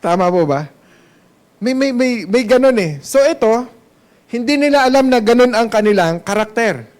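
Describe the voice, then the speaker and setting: High-voiced Filipino pastor preaching. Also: male voice, lively intonation, normal speed, darkish tone. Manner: mixes Tagalog and English, often asks the congregation questions. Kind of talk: Sunday sermon. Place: church service hall.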